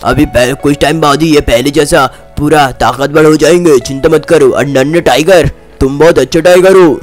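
A man doing a gentle, reassuring healer. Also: fairly high pitch, fairly even intonation, normal speed, faint music behind, lightly acted. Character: kind helper man healing animals, reassuring.

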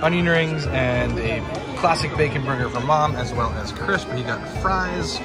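A man's voice: medium pitch, normal speed, over loud music, over a noisy crowd. A man in his thirties chatting upbeat as a vlog host, filming himself with a phone at arm's length in a dim themed restaurant. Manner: chatty, upbeat, describing food and places. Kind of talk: casual vlog chat. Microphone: phone camera at arm's length.

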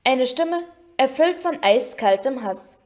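Expressive woman reading a storybook. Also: sits high, slow. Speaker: audiobook reader.

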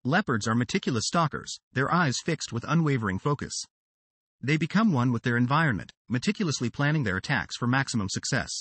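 A male narrator reads a nature documentary script with a dramatic, sweeping delivery. His pitch rises and falls in a lively way, and his voice has a husky edge. The recording is dry and close, with no room sound. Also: brisk, dry recording.

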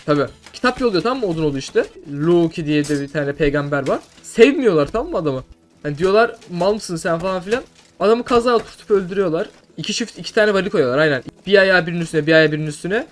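A young man commentating a sword-fighting game, rambling through made-up lore and breaking into loud swearing outbursts. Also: on the high side, animated, quick pace. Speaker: gameplay streamer. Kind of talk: casual gameplay commentary with mock lore. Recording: faint music behind.

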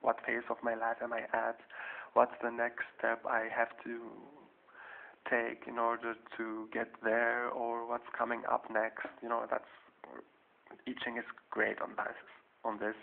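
Halting man, slow gravelly tinny audio. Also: medium pitch, monotone. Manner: halting, many fillers and restarts. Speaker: video tutorial maker. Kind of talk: casual explanatory how-to. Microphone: handheld camera mic. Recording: tinny lo-fi camera audio, faint hiss.

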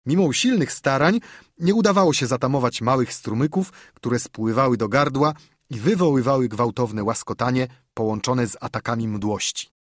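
A man narrating an audiobook in an expressive storytelling manner, recorded on a studio microphone. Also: mid-range voice, normal speed, dry recording.

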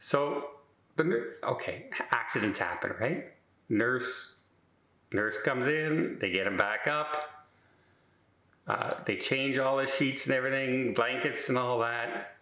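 A man's voice: medium pitch, slow pace, bright, forceful tone, roomy sound. A middle-aged man telling a casual story in a rambling way, with many fillers and restarts. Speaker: vlogger.

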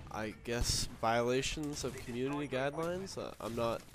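A man's voice: mid-range voice, measured pace. A young man with a nasal voice from a cold, rambling casually over game footage with lots of fillers and swearing. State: sick, nasal. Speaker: gaming commentator. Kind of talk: casual gameplay commentary. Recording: noisy with game gunfire behind. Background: game gunfire.

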